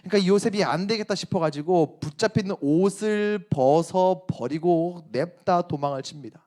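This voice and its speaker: A man preaching to a youth group, telling the story in a playful, animated way and putting questions to his listeners. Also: high voice, moderate pace. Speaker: youth pastor. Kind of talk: youth sermon.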